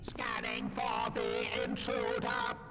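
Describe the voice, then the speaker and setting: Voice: medium pitch, little pitch movement, slow pace. An actor voicing a stern, menacing Dalek security robot in a video game, barking clipped commands through a grating robotic filter. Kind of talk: video game character dialogue. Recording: game audio with loud music.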